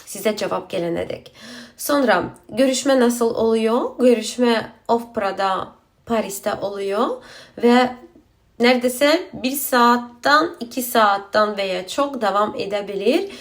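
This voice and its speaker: Woman, slightly high voice, Azerbaijani accent, halting broken Turkish, informal explainer host. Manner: halting broken Turkish of a non-native speaker, mixed with Azerbaijani. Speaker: video host explaining asylum procedure. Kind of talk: informal explainer, question and answer.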